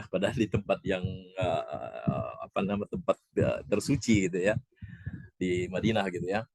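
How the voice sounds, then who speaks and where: Guy telling a family story, lowish voice, does the other people's lines higher, dry sound. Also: moderate pace, gravelly, no echo, rough recording. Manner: acts out quoted speakers in a higher voice. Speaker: father telling a personal story. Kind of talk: storytelling at a religious gathering.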